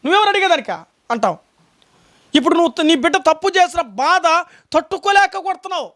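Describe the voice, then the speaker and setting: A man's voice: very high voice, lively intonation, brisk, a bit bright. A man preaching a sermon as pastor, emphatic, with repeated rhetorical questions. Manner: calls out lines for a reader to read aloud.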